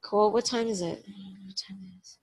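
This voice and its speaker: A woman's voice: medium pitch, normal speed, darkish tone, husky. A woman hosting a team video call, chatty and upbeat, with lots of fillers and laughter. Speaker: meeting host. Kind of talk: casual video call meeting.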